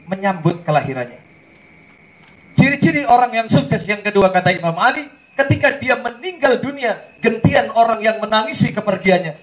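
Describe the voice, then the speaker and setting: A man with an Indonesian accent preaching a lively sermon to a congregation, joking and questioning his listeners, now and then breaking into song. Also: a little high, a little hiss or hum, rough recording. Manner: joking, questions the audience directly, sings snatches.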